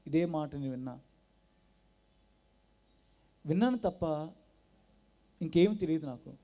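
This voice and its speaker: A man shares his personal testimony with a congregation, telling his story in an animated way and slipping into the voices of the people he quotes. His voice is deep-toned and mellow in colour, yet sits somewhat high in pitch. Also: measured pace. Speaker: testimony speaker at a church gathering.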